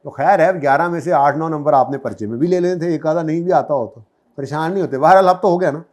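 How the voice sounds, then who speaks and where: Brief: man, classroom lecturer, slightly raised pitch, breaks into slow measured dictation. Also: a little mellow. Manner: switches to slow, word-by-word English dictation. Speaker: accounting lecturer.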